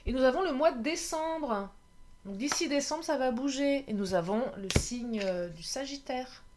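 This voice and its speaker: A woman with a slightly raised pitch gives a casual tarot reading straight to camera. She talks in a loose, chatty way, stops often on fillers and laughs at her own slips. A faint hiss sits under her voice. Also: expressive, moderate pace. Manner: chatty, hesitant with many fillers, laughs at herself. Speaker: tarot card reader.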